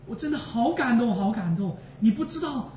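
High-voiced, animated preaching man. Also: moderate pace, slight background noise. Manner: emotional, repeats phrases for emphasis; addresses the congregation directly. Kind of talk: sermon. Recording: echoey, distant, dull sound.

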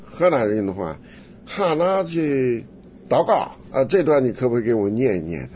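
Lively teasing male radio host. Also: medium pitch, normal speed, muffled recording, a little hiss or hum. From Henan, China. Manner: lively, teasing, laughs often.

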